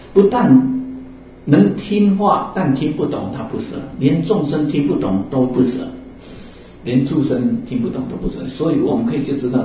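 A man preaches Buddhist teaching in a casual, chatty way, dropping in fillers and little acted-out exchanges. His voice is soft and mellow. He sits away from a dull mic in a very echoey hall. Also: on the high side, a little hiss or hum. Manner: conversational, acts out little dialogues, many fillers like 啊 and 哦. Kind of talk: sermon. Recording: roomy echo from a distant, dull mic.

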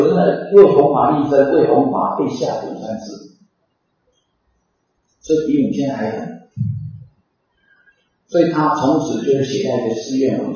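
A man giving a Buddhist sermon, telling anecdotes in a lively way and acting out the quotes. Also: mid-range voice. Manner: lively storyteller, acts out quotes, chuckles. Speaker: Buddhist dharma teacher. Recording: distant, roomy, dull lo-fi.

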